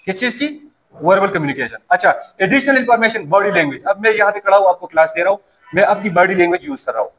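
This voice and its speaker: A Pashto-speaking safety course instructor from Pakistan gives a classroom lecture, explaining by asking questions and answering them himself. His high, animated voice moves quickly and sounds a bit bright, in a rough recording.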